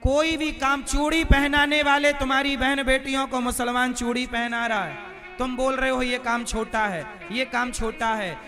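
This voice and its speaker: A man's voice: very high-pitched, fairly even intonation, moderate pace, bright, forceful tone. A man giving a devotional sermon to a live crowd, preaching and firing rhetorical questions at his listeners. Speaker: religious storyteller. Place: live religious gathering. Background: instrumental devotional music.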